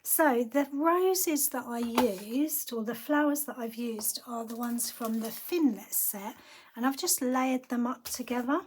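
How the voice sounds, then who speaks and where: Her voice a little high, a little mellow and gone croaky, this woman takes an unhurried pace while chatting casually through a card-making lesson. She often mutters half-whispered remarks to herself mid-task, and there's a slight hiss or hum in the recording.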